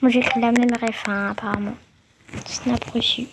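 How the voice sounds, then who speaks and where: A woman's voice: fairly high pitch, flat delivery, moderate pace, background noise. A woman talking through a game tutorial, hesitant, with many fillers and restarts. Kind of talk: casual game tutorial voice-over.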